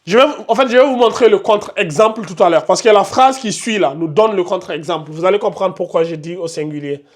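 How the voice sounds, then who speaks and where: A man's voice: high voice, brisk. A man teaching a live online Quran recitation lesson, patient, repeating each term and often checking that his students follow. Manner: patient, repeats terms, asks "vous voyez?" often.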